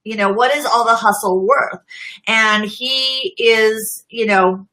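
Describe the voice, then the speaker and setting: A woman's voice: on the high side, slow pace, pushed and bright, poor audio. A middle-aged woman casually chatting on a live stream, laughing often and greeting viewers by name. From United States. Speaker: social media marketing host.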